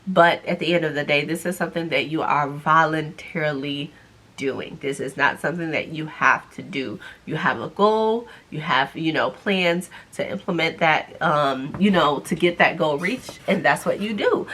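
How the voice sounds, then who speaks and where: A woman's voice: low voice, moderate pace, fairly bright tone, breathy edge. Chatty woman vlogging with a stuffy nose. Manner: chatty, upbeat, encouraging. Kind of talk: casual vlog update to camera.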